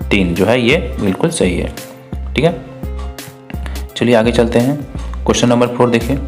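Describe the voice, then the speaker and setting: Male teacher, mid pitch, walks through test questions and keeps repeating himself, faint music under it. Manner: repetitive, asks and answers his own questions. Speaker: exam prep teacher. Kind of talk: spoken exam walkthrough.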